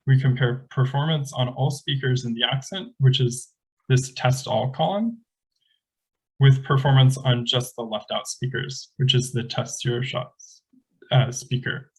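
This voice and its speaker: A man giving an academic conference presentation, explaining methods in a measured, technical way. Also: mid-range voice, breathy edge, low-quality recording.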